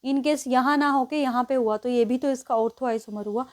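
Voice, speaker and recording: High-voiced woman teaching chemistry. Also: normal speed, darkish tone. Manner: explains step by step, counts positions aloud, often checks with "ठीक है". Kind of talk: exam-prep lesson at a board.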